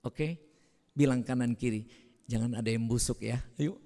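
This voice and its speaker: A man preaching a sermon, with a big voice that drops to hushed prayer. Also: mid-range voice, normal speed. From North Sumatra. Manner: loud voice, swings from hushed prayer to fervent exhortation. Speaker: evangelist preacher. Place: church hall. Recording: reverberant church hall.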